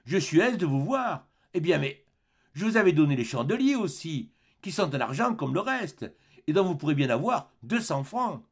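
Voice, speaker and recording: A man voicing a kindly, serene elderly bishop who talks gently and solemnly, in a raised voice. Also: a little high, big pitch swings, moderate pace, pitched above the performer's own voice. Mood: glad. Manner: warm, solemn, forgiving.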